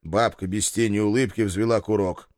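A man's voice: on the low side, fairly even intonation, moderate pace, darkish tone, no echo. A man narrating a first-person audiobook in a wry, dry storytelling manner.

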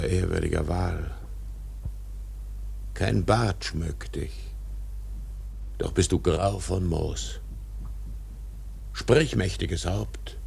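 An actor in a radio drama playing an obsessed, tyrannical older whaling captain, declaiming grandly in a gravelly, husky voice. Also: male voice, low-pitched, darkish tone, full character voice. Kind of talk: literary radio drama acting.

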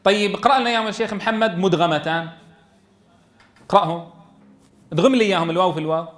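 A man teaching a Quran recitation class, calling on students by name and reciting verses slowly. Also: high voice. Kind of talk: classroom tajweed lesson.

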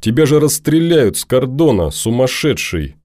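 A man's voice: medium pitch, very animated, moderate pace, darkish tone, dry recording, clean studio sound, pitched above the performer's own voice, natural voice. A man voicing a fiery, pleading young woman. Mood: angry. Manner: insistent, scolding, pleading.

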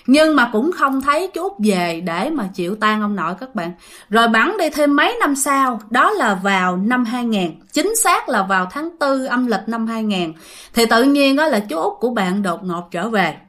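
A woman's voice: on the high side, fairly bright tone. A woman narrating a ghost story in a chatty way, talking straight to listeners. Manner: chatty, addresses listeners directly.

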